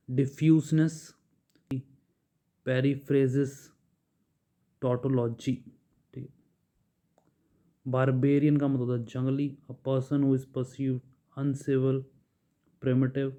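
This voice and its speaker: A man's voice: medium pitch, warm tone. A man teaching a bilingual vocabulary lesson, reading word lists and explaining each in Hindi with frequent "ठीक है". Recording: dull lo-fi recording.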